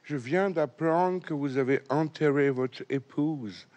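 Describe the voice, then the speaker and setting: A man's voice: on the high side, takes it slowly, a little mellow. A man voicing a snobbish upper-class English lord with an affected drawl. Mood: pompous.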